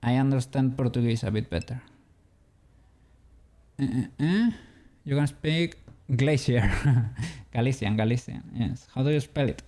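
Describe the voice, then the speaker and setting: The voice is mid-range, warm, and unhurried. It belongs to a man from Spain who, in a Spanish accent, chats with his stream's viewers as he works on a 3D model, rambling along, answering chat, and chuckling a lot.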